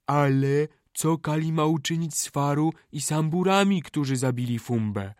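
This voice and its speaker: A man's voice: fairly high pitch, normal speed, no room sound, clean studio sound, pitched above the performer's own voice, natural voice. A man voicing a humble young male king in an audiobook, speaking in broken, submissive phrases. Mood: earnest. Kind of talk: audiobook character voice.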